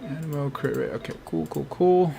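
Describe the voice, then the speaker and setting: A man's voice: fairly high pitch, moderate pace, creaky, mellow, a little hiss or hum. A man streaming a game, thinking aloud casually and answering chat questions. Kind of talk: live gameplay commentary.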